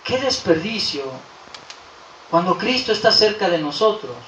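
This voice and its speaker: A man preaching a Sunday sermon as pastor, impassioned, swinging between loud peaks and soft, low asides. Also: lively intonation, measured pace, a little hiss or hum. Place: church sanctuary. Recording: roomy church hall, voice from a distance.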